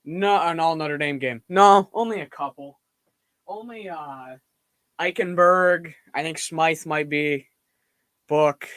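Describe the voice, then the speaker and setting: A young male streamer rambling in casual chat, his voice a touch higher than most men's. He moves around while he talks, so he drifts nearer to and farther from the mic. The sound is dry and close, with little room echo. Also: slow pace. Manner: rambling, reacts loudly to plays. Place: home room, standing.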